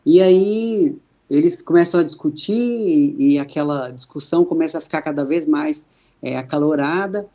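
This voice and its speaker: A man preaching a sermon, slow and emphatic with many rhetorical questions. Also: a little high, warm tone, muffled recording.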